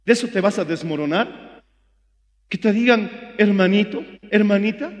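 A Bolivian man preaches a sermon with a high voice and a fervent delivery that swells into shouts. His voice carries through a large hall with a long, trailing echo. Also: normal speed. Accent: Bolivian Spanish. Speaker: pastor.

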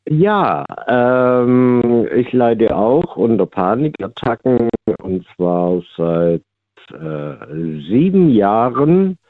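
A man calling in to a radio show over the phone, talking haltingly with many fillers. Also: mid-range voice, animated, dry recording. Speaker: caller. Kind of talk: call-in chat. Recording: tinny phone line.

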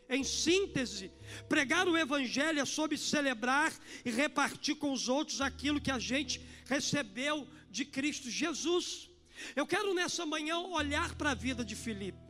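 A middle-aged Brazilian pastor preaching an impassioned sermon in a church. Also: male voice, extremely high pitch. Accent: Brazilian Portuguese. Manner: impassioned, rising to fervent emphasis. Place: church sanctuary. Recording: reverberant church hall with soft music.

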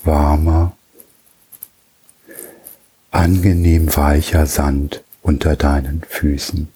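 A man guiding a relaxation journey in a soft, soothing way, with long pauses between phrases. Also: extremely low pitch, level tone, slight background noise. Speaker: meditation guide.

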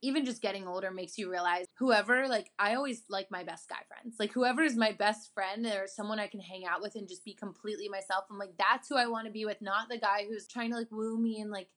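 Young woman podcast host, mid pitch, chatty and candid, slangy. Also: brisk, hardly any pauses, a bit bright. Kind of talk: casual interview chat.

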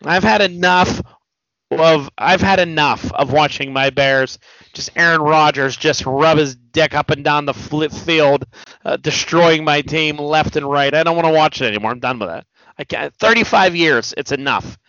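Middle-aged male co-host, gravelly and bright, rambling animated storyteller; dry, lo-fi. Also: a little high, moderate pace, no echo. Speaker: podcast co-host. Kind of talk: casual chat.

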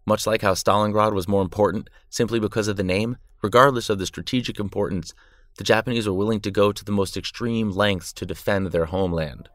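A man's voice: on the low side, fairly even intonation, fairly quick, fairly bright tone, dry recording, clean studio sound. A man narrating war history from a script, dramatic with an irreverent edge. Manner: dramatic yet irreverent storytelling.

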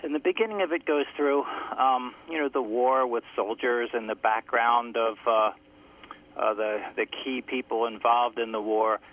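A man speaking as a guest author in a phone-in radio interview, heard through a crackly phone line that fades in and out, telling his story slowly and reflectively. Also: medium pitch. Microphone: telephone. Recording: tinny telephone line.

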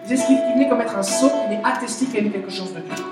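A woman's voice: on the high side, racing, far from the mic. Québécois woman preaching in an echoey hall. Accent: Québécois French. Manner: chatty, animated, asks the audience questions. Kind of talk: conversational sermon. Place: church meeting hall. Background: soft guitar music.

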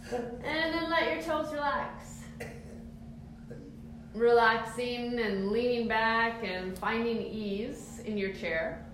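Slow, echoey woman leading a calm grounding exercise. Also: fairly high pitch. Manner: soothing, encouraging, unhurried step-by-step cues. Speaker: movement and mindfulness instructor. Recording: very echoey room, faint background noise.

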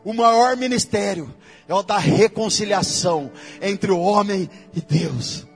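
High-voiced Brazilian preacher. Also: male voice, unhurried, husky, soft background music. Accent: Brazilian Portuguese. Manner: casual, slangy preaching that addresses listeners directly. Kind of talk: sermon. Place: church.

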